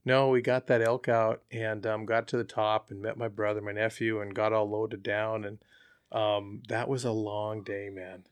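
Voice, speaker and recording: A man telling a hunting story as an interview guest, relaxed and chatty with frequent fillers. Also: on the low side, moderate pace, dry recording. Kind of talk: casual storytelling.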